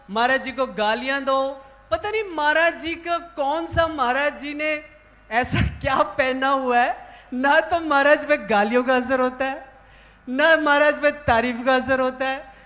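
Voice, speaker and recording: High-voiced man preaching in a reverberant hall. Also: a little slow. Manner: animated, rising to emphatic exclamations. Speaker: monk speaking at a religious assembly. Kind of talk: devotional storytelling talk. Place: large gathering hall of monks.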